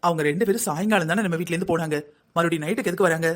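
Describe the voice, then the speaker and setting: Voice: medium pitch, very fast, lightly acted. A performer voicing a grumbling older husband in a family cartoon, nagging his wife in a South Tamil Nadu accent. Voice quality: scolding, nagging. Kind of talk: cartoon family comedy acting.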